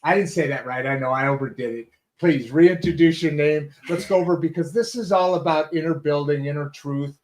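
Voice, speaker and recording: Rambling through an introduction of his guest, a talk show host chats casually with many fillers and restarts. His voice is on the high side, a bit fast, with few pauses, captured over a video call setup from a home studio.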